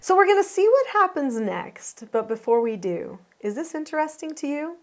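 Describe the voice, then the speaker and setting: A woman with a somewhat high voice, talking to viewers as a parenting teacher. She explains a home video in an earnest, step-by-step way and now and then asks her audience questions. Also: very animated, normal speed.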